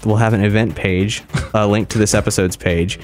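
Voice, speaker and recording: A man with a fairly low voice hosts a casual podcast. His articulation is restricted, as if he can barely open his sore mouth, and faint music plays behind him. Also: little pitch movement, normal speed, darkish tone. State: mouth sore after wisdom teeth removal. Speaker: podcast host.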